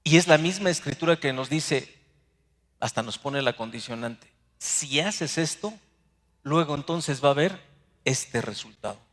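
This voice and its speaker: A man with a Mexican Spanish accent preaching a sermon as pastor, slowing down for emphatic scripture readings. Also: fairly high pitch, animated, a bit bright. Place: church sanctuary. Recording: long hall reverb.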